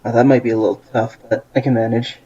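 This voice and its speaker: A man's voice: medium pitch, level tone, quick pace, dark tone. A man playing a tabletop game who talks about the rules in a matter-of-fact way during casual chat. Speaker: player. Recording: muffled lo-fi audio with crowd noise.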